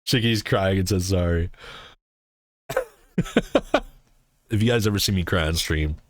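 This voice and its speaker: A man's voice: sits low, a little slow, slight background noise. A man streaming live, chatting casually and answering his chat in a rambling, swearing way.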